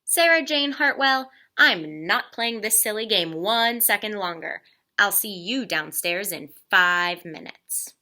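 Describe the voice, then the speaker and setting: Woman as cajoling storybook husband, lively swooping pitch. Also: slow. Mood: exasperated. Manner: cajoling, endearing, firm. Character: Mister Hartwell, coaxing, patient adult man at home. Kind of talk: storybook character voice in a read-aloud.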